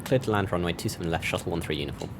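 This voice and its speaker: A man's voice: low voice, rapid-fire, very noisy. A man doing clipped, procedural pilot radio readbacks as if over a cockpit headset. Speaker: flight sim tutorial host. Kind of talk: ATC radio phraseology readbacks.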